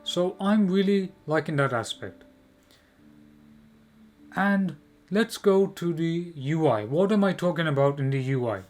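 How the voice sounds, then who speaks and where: A man's voice: on the high side, lively intonation, unhurried, long pauses, a little mellow. A man giving opinionated video game commentary, emphatic and repetitive, often posing rhetorical questions. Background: music.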